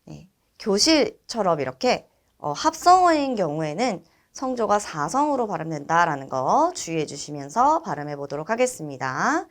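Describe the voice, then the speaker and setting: Female instructor, animated intonation, patient explanatory delivery, drawn-out model words. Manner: patient, explanatory, frequent affirming fillers; drawn-out, high-pitched model pronunciations. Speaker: Chinese language instructor. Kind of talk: vocabulary lesson with repeat-after-me drills.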